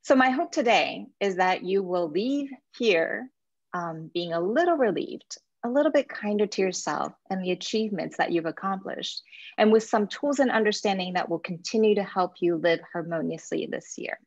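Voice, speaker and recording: A woman's voice: mid-range voice, animated, moderate pace, no room sound, muffled recording. A woman in her forties from Japan, a life coach giving an earnest talk to alumni with a few fillers. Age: 40s. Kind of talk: presentation to alumni.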